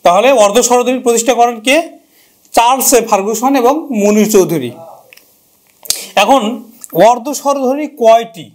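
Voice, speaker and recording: High-pitched male grammar teacher. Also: normal speed, long pauses. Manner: repeats key terms, asks and answers his own questions. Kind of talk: grammar lesson.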